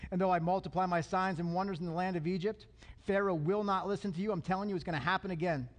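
Man, sermon, emphatic repetition, high voice, reverberant church sanctuary. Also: fairly even intonation, quick pace. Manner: emphatic, repeats phrases for effect. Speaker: pastor. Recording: long hall reverb.

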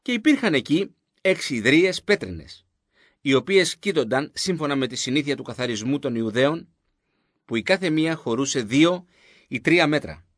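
Lively, fairly high male Bible reader. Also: no echo, clean studio sound. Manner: clear, measured reading. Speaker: narrator. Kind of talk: scripted Bible reading.

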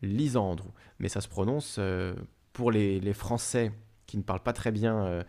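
A man hosting a live stream, chatting casually and reading out viewer messages, speaking haltingly with many fillers and restarts. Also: lowish voice, steady tone, a little mellow. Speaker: livestream host.

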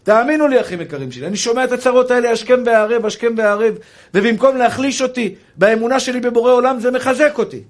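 A young male rabbi delivers a fervent sermon in a notably high voice. He pleads and scolds his listeners and keeps calling each of them brother. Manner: impassioned preaching, addressing listeners as brother.

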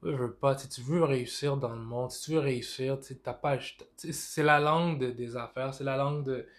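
A man's voice: medium pitch, brisk. A man with a Québécois French accent in a casual conversation, slipping into English with frequent restarts. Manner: code-switches into English, many restarts. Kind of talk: casual chat.

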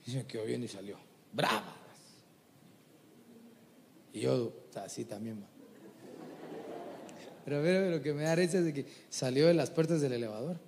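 A man preaching a folksy, animated sermon to a church congregation. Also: medium pitch, normal speed, pauses often, long reverb tail, a little hiss or hum. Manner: animated, folksy, mimics people he talks about.

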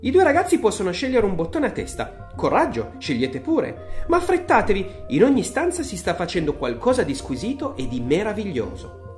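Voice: medium pitch, wildly swooping pitch, moderate pace, darkish tone, echoey room, voice pushed up. A reader voicing an eccentric, exuberant man who runs a chocolate factory, talking in a theatrical, showy way over faint music. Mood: excited, showy.

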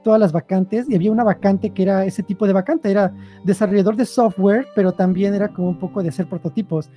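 Mexican-accented man, casual storyteller, mellow voice, lively and full of slang. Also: high voice, fast talker, soft background music. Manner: slangy, animated, acts out quotes. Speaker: guest.

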